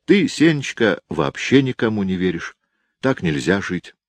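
A man reading an audiobook, voicing an indignant seven-year-old girl with a squeaky voice. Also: sing-song, a little slow, dry recording, exaggerated voice.

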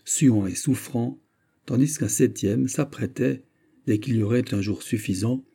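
Brief: man narrating a classic novel, dark and husky, low and steady. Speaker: audiobook narrator.

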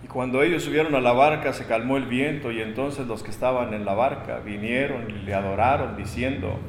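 A man preaching a sermon, emphatic, swinging between loud proclamations and quiet asides, recorded in a church hall. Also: medium pitch, fairly quick, a little hiss or hum.

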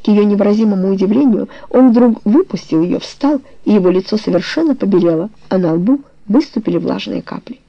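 Gravelly-voiced woman reading a story. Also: medium pitch, lively intonation, fairly quick, hardly any pauses, dry recording, muffled recording. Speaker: narrator. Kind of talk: audiobook narration.

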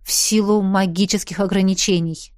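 A woman voicing a calm, secretive blond man, speaking softly and evenly. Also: mid-range voice, dry recording, clean studio sound, lightly acted. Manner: soft, calm, measured.

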